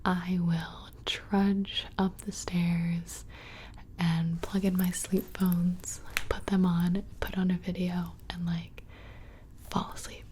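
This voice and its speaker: A young woman ASMR creator whispers casually right into a close studio microphone, rambling through questions in her video. Her voice is lowish and mellow, with a little hiss or hum in the background.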